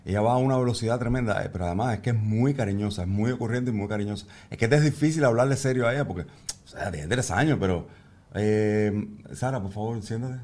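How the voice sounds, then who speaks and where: A man, chatting as a guest and telling lively stories about his young daughter. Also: lowish voice, quick pace. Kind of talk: casual chat.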